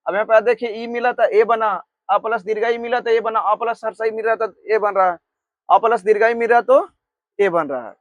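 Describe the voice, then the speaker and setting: A man from Bihar teaching a grammar lesson. He keeps checking in with "ठीक है" and dictates notes slowly, one word at a time. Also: high voice, no echo. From Bihar, India.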